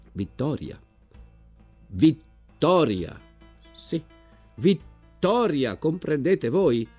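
A man's voice: high-pitched, voice pushed up, full character voice. A man doing a pompous old army general. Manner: declamatory, rising to a shout, rhetorical repetition. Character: pompous older male army general, grandiloquent orator.

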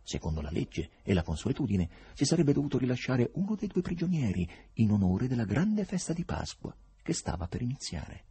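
A man reading a novel aloud with expressive, varied delivery. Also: medium pitch, fairly quick, hardly any pauses, slightly rough. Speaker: audiobook reader. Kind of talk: dramatic literary reading.

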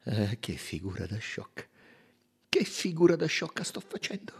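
A man's voice: high-pitched, sing-song, extremely slow, a little mellow, husky, pitched above the performer's own voice, full character voice. A man doing a tearful whispering young woman. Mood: ashamed. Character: distressed young woman, a governess.

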